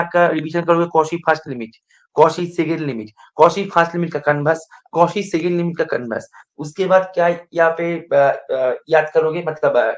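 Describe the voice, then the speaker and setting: Math teacher quizzing his class. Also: fairly high pitch. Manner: keeps checking students understand, asks the class repeatedly; mixes Hindi with English math terms. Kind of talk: live online revision class.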